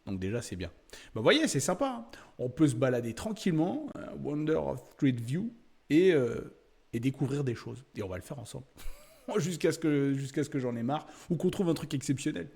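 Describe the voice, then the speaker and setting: A man's voice: mid-range voice, very animated, normal speed, creaky, a little mellow, husky. A young man giving chatty, laughing commentary while browsing a website, thinking aloud with lots of fillers. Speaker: YouTuber exploring a website. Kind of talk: casual screen-share commentary.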